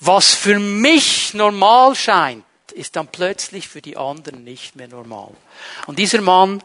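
A male preacher with a high, bright and ringing voice delivers a sermon. He retells a parable dramatically, repeats phrases for emphasis and speaks straight to the listeners, swinging from loud, lively lines down to low, hushed ones. The sound is dry and close. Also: a little slow, dry recording. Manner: repetitive rhetorical emphasis, addresses listeners directly.

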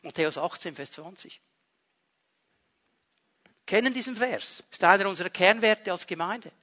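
A man preaching a sermon to his congregation in a lively, conversational way, asking rhetorical questions. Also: high-pitched, moderate pace. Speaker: pastor. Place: church hall with a congregation.

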